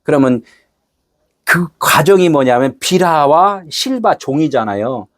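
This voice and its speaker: A man's voice: a little high, animated, unhurried, a bit bright, no room sound, clean studio sound. A middle-aged man preaching a sermon in a casual, conversational way, acting out short quoted exchanges. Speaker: pastor.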